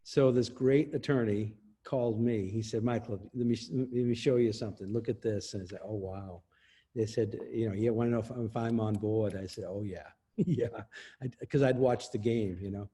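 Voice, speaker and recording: A man with a dark, husky voice speaks as an interview guest. He explains things emphatically, with frequent laughs. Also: medium pitch, fairly even intonation, normal speed. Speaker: interview guest, copyright expert. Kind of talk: explanatory casual talk.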